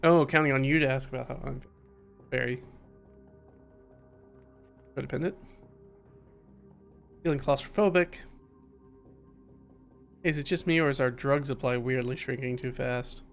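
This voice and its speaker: A streamer plays through a visual novel live, reading dialogue aloud and reacting with wry, slangy informality. His gravelly mid-range voice is fairly even and a little slow, with frequent pauses over faint background music.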